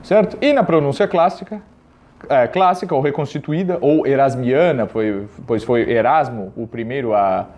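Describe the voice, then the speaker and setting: A man with a Brazilian Portuguese accent giving a casual video lesson on Latin and Greek pronunciation, hesitant with fillers, reading passages slowly. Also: mid-range voice, a little mellow. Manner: hesitant, with many fillers and restarts; reads passages slowly and deliberately.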